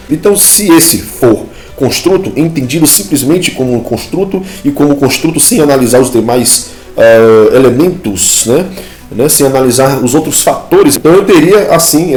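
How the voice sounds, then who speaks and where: A man's voice: a little high, darkish tone. Man teaching Hebrew grammar in an echoey room. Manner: explains step by step with many "né?" and "tá bom?" checks; points at text on screen while explaining. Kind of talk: explanatory lesson. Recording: echoey room, faint music behind.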